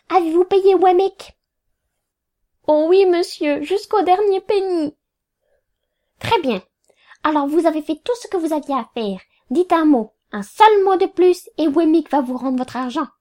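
A woman voicing a stern, curt middle-aged male lawyer who barks clipped rebukes in a raised, higher voice. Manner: clipped, commanding, sharp rebukes.

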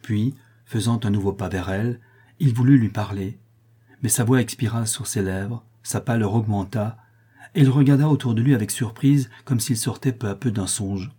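A man narrating a classic novel in a measured, expressive reading. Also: on the low side, husky. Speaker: audiobook narrator.

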